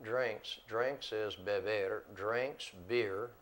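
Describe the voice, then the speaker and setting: Slow, low-voiced male English teacher. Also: steady tone. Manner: switches between English and Spanish, slow and deliberate, repeats words. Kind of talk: classroom grammar lesson. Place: classroom.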